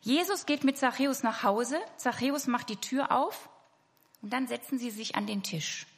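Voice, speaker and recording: A woman's voice: a little high, moderate pace. A woman preaching a sermon to her congregation, earnest and speaking to them directly. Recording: hall reverb.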